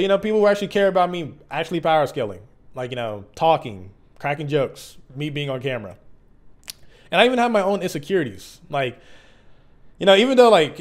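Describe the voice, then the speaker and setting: Earnest young man, slightly higher voice, speaking candidly. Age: mid 20s. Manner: earnest, reflective, halting and conversational, with slang. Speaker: YouTube content creator. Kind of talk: candid, unscripted personal vlog.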